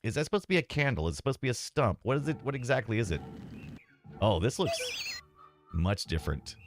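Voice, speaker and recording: A man's voice: mid-range voice, big pitch swings, brisk. A man giving casual live commentary as he streams a game and chats with viewers. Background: game music.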